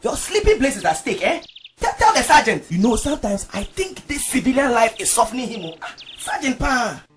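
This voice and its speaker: A woman's voice: a little high, very animated, fairly quick, music in the background. A woman playing a teasing, laughing friend. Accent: Ghanaian English.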